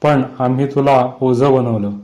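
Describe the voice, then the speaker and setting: A man voicing a grave, haunted old village man who speaks slowly in a lowered voice. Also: fairly even intonation, warm tone, close to an everyday voice.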